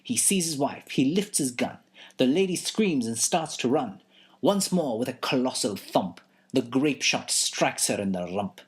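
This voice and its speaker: A woman narrating a rhyming story in a playful, expressive way. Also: extremely low pitch, unhurried.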